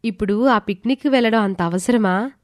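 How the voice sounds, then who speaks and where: A woman's voice: medium pitch, brisk, no room sound, studio quality, close to an everyday voice. A woman voicing a responsible young older sister in an audio story, earnest and pleading.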